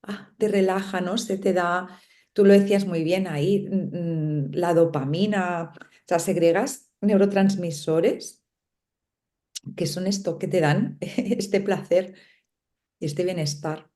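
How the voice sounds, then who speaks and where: A middle-aged woman with a Spain Spanish accent speaks as a panel guest in casual conversation. Her voice sits a little low and sounds mellow and soft. She talks in a thoughtful, musing way, checking in with her listeners as she goes. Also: steady tone, slow. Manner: reflective, lots of tag questions and small laughs.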